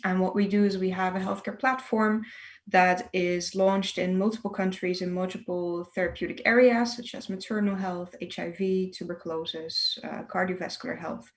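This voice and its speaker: Eager young Dutch woman, lower voice. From Netherlands. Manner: eager, with many filler sounds. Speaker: panelist, healthcare startup manager. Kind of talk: online panel introduction.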